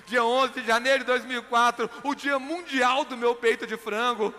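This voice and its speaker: High-voiced man from Minas Gerais. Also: fairly even intonation, normal speed, sharp tone, a little hiss or hum. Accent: Minas Gerais Brazilian Portuguese. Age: 30s. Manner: dramatic, emotional, acts out dialogue. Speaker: motivational speaker. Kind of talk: live motivational storytelling. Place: event stage.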